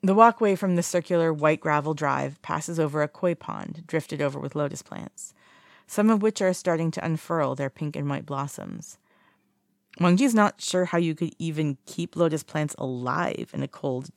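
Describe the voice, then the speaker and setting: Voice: mid-range voice, vocal fry, no room sound, studio quality. A narrator reading fan fiction aloud in a casual way, with small slips and self-corrections.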